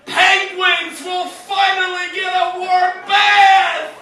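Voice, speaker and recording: A man's voice: very high voice, level tone, pushed and bright, full character voice. A man playing a bombastic, deranged space captain in a parody of an old-time children's radio serial, speechifying grandly. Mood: rabble-rousing. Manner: grandiose, slow theatrical speechifying. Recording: distant, heavily echoing, music behind.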